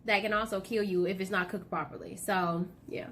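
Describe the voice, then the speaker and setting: Bright-voiced chatty woman host. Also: mid-range voice, steady tone, brisk, slight background noise. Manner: chatty, full of "um" and "like" fillers. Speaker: co-host and small business owner. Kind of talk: casual product and food chat.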